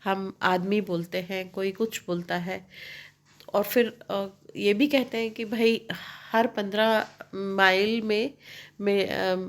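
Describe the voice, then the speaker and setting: A woman English teacher, explaining slowly and mixing in English phrases while checking in with her students. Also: fairly high pitch. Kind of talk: bilingual classroom explanation.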